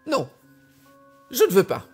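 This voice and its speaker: Storybook role: a spiteful old witch, high and shrieking, with wild swoops, as a male reader puts her on. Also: huge pitch swings, slow pace, darkish tone, husky, faint music behind, exaggerated voice. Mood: indignant. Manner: screeching, raging. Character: wicked old female witch, spiteful and shrill.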